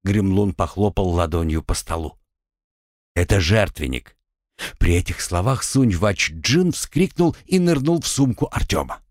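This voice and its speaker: Man reading an audiobook, lowish voice, really lively intonation, dry close sound. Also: normal speed, hardly any pauses, no echo. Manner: expressive storytelling with acted dialogue. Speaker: audiobook narrator. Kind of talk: fiction audiobook narration.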